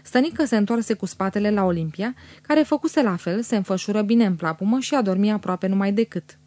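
A woman reading a classic novel aloud as an audiobook narrator, in measured storytelling. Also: mid-range voice, warm tone, no echo.

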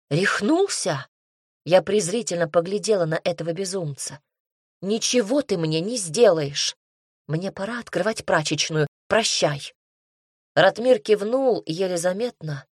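A woman's voice: on the low side, husky, dry recording, clean studio sound. Indignant female audiobook narrator. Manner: indignant, sharp-tongued heroine. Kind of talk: first-person fantasy audiobook narration.

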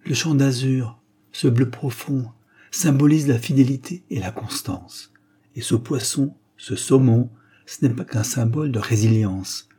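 A man's voice: mid-range voice, a little slow, dark tone, slightly rough, voice pushed up. A man voicing a stern, proud aristocratic father, an aging marquis, in an audiobook, solemn and insistent.

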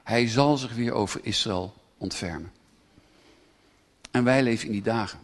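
A man preaching a sermon to a gathered audience, speaking directly to them and swelling to near shouts when he reads scripture. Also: lowish voice, normal speed. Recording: reverberant hall recording.

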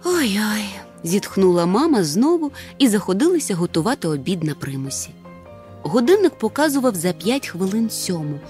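A woman narrating a children's storybook in an expressive, lively way. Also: medium pitch, brisk, soft background music. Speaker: audiobook narrator.

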